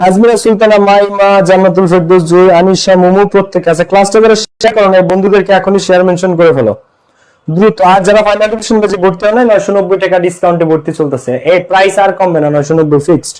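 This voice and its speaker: High-voiced young man teaching a class. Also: steady tone, racing, darkish tone, clear, resonant tone, poor audio. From Bangladesh. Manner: drills students with repeated questions and answers. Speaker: English teacher. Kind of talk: live online class lecture.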